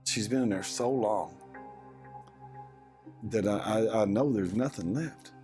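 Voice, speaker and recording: A father speaking in a recorded interview, recounting events in an emotional, halting way. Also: lowish voice, warm tone, soft background music.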